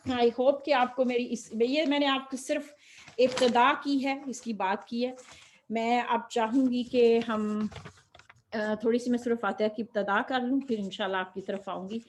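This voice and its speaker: Woman teaching Quran, fairly high voice. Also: darkish tone. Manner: explains step by step with rhetorical questions; mixes Urdu with English words. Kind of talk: religious lecture.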